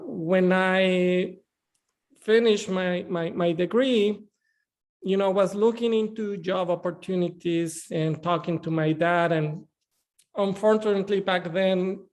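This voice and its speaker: A middle-aged bank CEO from northern Mexico appears as a guest on a video-call interview, speaking English and often restarting and repeating words. His voice is high-pitched and a little mellow.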